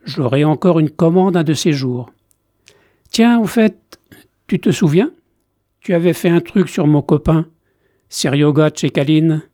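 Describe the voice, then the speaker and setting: A man's voice: on the high side, measured pace, long pauses, mellow, no echo, studio quality, close to an everyday voice. A man reading aloud and voicing an easygoing male friend with an offhand, breezy way of talking.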